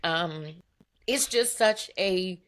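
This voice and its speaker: A woman guest, a business owner, telling her story in an animated, emphatic way with vivid asides. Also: lowish voice, very slow. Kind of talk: conversational storytelling.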